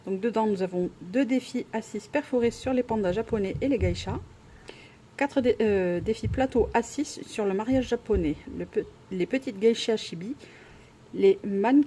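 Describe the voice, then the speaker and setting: Unhurried and warm, a woman's slightly high voice gushes through an at-home unboxing vlog, full of exclamations and frequent hesitations. A little hiss or hum sits under the recording.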